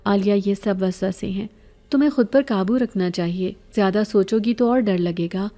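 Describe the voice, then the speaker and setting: A gentle middle-aged mother, voiced by a woman narrator, speaks calmly and reassuringly in a told horror story. Her tone is mellow and warm, never sharp. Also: mid-range voice, natural voice. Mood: soothing. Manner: calm, reassuring, pious.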